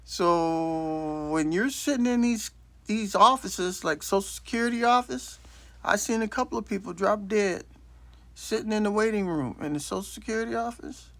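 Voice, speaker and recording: A man's voice: high-pitched, normal speed, a bit bright, no room sound. A man in his late sixties telling a rambling, blunt story as a casual monologue into his phone. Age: 60s. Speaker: vlogger. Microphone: self-recorded on a phone.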